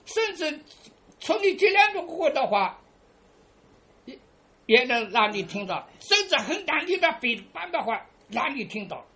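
A woman preaching a sermon to her congregation, padding phrases with drawn-out "ah" fillers and asking listeners rhetorical questions. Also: sits high, sing-song, a bit bright.

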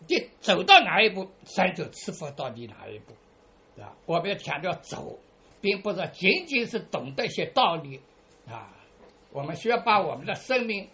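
Woman preacher, sermon, very lively pitch, rhetorical questions, drawn-out filler sounds. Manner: asks listeners rhetorical questions; pads phrases with drawn-out "ah" fillers. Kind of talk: sermon to a congregation.

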